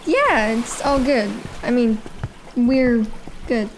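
A young woman plays a cautious, guarded teenage girl in a naturalistic drama. Her voice is high. There is faint ambient noise in the background. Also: lively intonation, takes it slowly, low-quality recording. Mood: reluctant.

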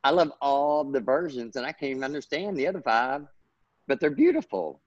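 A Texan man, a writer appearing as an interview guest, talks earnestly and at length in a casual chat, speaking fairly quickly with a Texas accent. He rambles and his pitch climbs when he gets excited. The recording is dry and muffled.

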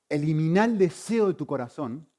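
A man preaching a sermon, swinging between loud emphasis and quiet, intense asides. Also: fairly high pitch, animated, moderate pace. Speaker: pastor.

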